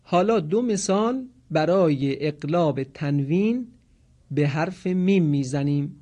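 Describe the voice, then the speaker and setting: Male recitation teacher, slightly high voice, patient explanations, slow drawn-out example chants. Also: animated, dark tone.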